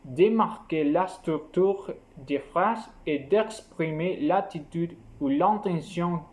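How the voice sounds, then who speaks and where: A man with a rather high voice reads a scripted lesson aloud. He takes his time, spacing out each phrase in a measured, explanatory way. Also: darkish tone. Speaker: teacher.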